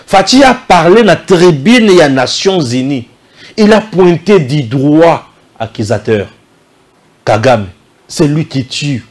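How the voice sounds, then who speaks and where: A man from DR Congo with a Congolese French accent, giving indignant political commentary full of rhetorical questions. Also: a little high. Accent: Congolese French, Kinshasa.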